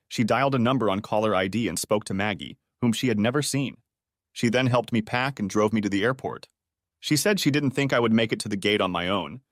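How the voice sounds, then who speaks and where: A man's voice: lowish voice, a bit bright, no echo, studio quality. Earnest man narrating a story. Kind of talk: first-person audiobook narration.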